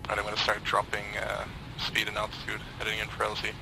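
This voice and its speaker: Gravelly, terse man on noisy military radio. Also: lowish voice, completely flat delivery, quick pace. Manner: terse, matter-of-fact. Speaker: helicopter pilot in a military simulation game. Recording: noisy game radio with vehicle sound.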